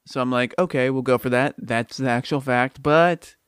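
A man co-hosting a casual podcast, jokey and playful, thinking out loud. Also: mid-range voice, moderate pace, clear, resonant tone, dry recording, studio quality. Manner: jokey, playful, overthinks aloud. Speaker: podcast co-host.

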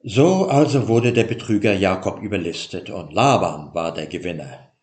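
A man reading a story aloud in a measured, expressive way. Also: deep voice. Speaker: narrator. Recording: roomy echo.

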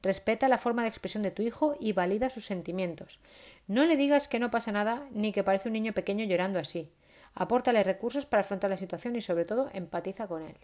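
A woman's voice: medium pitch, darkish tone. A woman, giving parenting advice in a casual, chatty monologue with frequent "¿vale?" tags. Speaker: parenting vlogger.

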